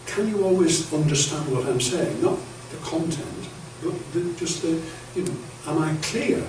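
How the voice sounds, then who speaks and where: At a moderate pace and fairly high pitch, an older man leading clergy training as bishop gives a chatty lecture full of anecdotes and stammered restarts. The audio, from a camera far across a classroom-sized room with a projector screen, is echoey with a faint hiss.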